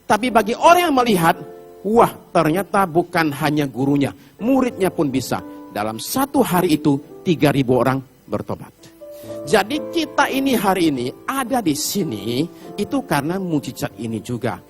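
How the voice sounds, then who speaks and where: Middle-aged male preacher, high and expressive, animated storyteller. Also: moderate pace, faint music behind. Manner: animated storytelling, acts out Bible characters with shouted pleas. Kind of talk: sermon. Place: church hall.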